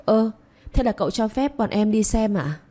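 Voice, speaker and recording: A woman's voice: medium pitch, lively intonation, moderate pace, warm tone, pitched above the performer's own voice, lightly acted. A woman voicing a naive young servant girl in a spoken story, pleading and innocent.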